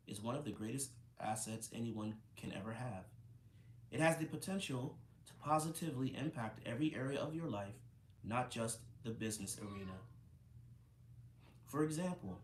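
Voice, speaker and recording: Male reader, mid pitch, casual and self-correcting, roomy recording. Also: slight background noise. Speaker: host reading a book aloud. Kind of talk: reading a book aloud. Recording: roomy echo, faint ambience.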